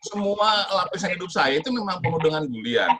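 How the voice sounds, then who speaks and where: A man's voice: high voice, lively intonation, a little fast, very noisy. A male comedian giving casual advice, joking about himself and acting out both sides of old banter with friends. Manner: self-mocking, acts out both sides of quoted banter. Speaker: comedian guest.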